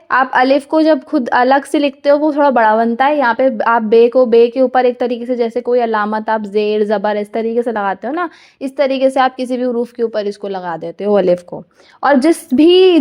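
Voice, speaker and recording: A young woman lectures students in a high, bright-pitched voice. She explains each point patiently and keeps checking that everyone is following. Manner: patient, repeats "theek hai" to check understanding. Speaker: teacher.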